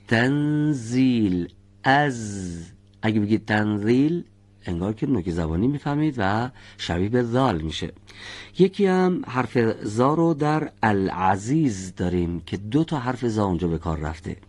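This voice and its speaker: A man with a somewhat low voice leads a recitation class. He speaks patiently, stops to correct students, and carefully sounds out letters to show how they should be pronounced. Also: very animated, a little mellow. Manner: corrects pronunciation slowly, demonstrating sounds by example. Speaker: Quran recitation teacher.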